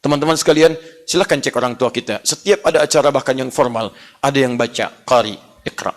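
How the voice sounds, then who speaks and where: A man giving a lively religious lecture, swinging from hushed earnest passages to loud playful asides. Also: mid-range voice, quick pace. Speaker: Islamic preacher.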